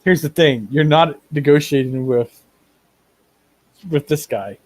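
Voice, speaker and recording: Man, game master, fairly high voice, rambling, repeats himself, dry close sound. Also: measured pace, darkish tone, dry recording. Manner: rambling, repeats words while building a rant. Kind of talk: running a tabletop game, casual chat.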